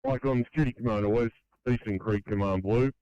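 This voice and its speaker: Aussie guy fire commander doing urgent radio report, smooth dark voice, clipped n formal, dull radio sound. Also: on the low side, fairly quick, dry recording. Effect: two-way radio. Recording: muffled band-limited emergency radio.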